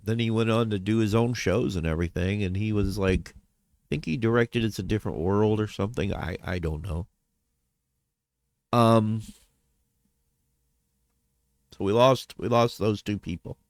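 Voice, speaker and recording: Man, lowish voice, casual vlog update, rambling, self-correcting, dry. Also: unhurried, long pauses, no room sound. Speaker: vlogger.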